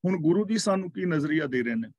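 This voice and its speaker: A man teaching a scripture class, reciting verses slowly and then explaining their meaning word by word. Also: a little high, lively intonation, darkish tone, husky, no room sound.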